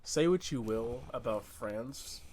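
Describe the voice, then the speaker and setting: A man's voice: mid-range voice, lively intonation, takes it slowly, a little mellow. A man co-hosting a podcast in casual chat, joking and rambling, often trailing off mid-thought. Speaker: podcast co-host.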